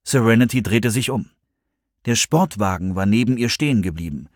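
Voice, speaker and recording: Male audiobook narrator, lively varied intonation, expressive storytelling, dry close recording. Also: on the low side, normal speed, no room sound. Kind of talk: scripted narration.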